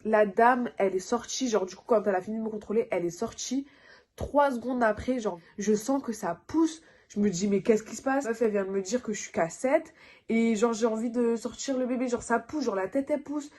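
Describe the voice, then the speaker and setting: Chatty young woman vlogger, higher voice. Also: brisk. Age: young adult. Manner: animated retelling, heavy filler words. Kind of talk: casual storytime vlog.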